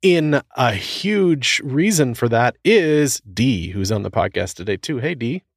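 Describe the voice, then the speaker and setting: Man, podcast host, joking and loose, pitch bouncing all over, dry close sound. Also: measured pace, dry recording. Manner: jokey, loose, swears casually, lively swings in pitch. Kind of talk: casual podcast chat.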